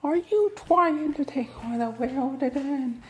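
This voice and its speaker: Guy doing a squeaky little hero girl, way up high, scolding. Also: measured pace, a bit bright, slight background noise. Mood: mocking.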